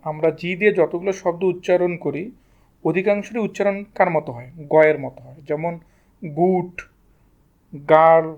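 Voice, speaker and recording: A man's voice: high voice, steady tone, normal speed, long pauses, a little mellow, dull audio. A man teaching English pronunciation to students, asking questions and answering them himself. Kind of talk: explaining lesson to students.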